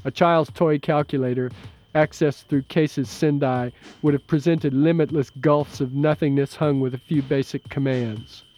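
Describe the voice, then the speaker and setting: A man narrating an audiobook in a measured, steady, low-key way. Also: soft background music. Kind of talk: scripted narration.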